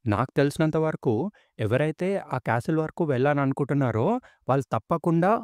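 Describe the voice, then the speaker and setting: A man voicing a cryptic old woman who speaks slowly and reproachfully in a retold story. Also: on the high side, darkish tone, dry recording, clean studio sound, natural voice.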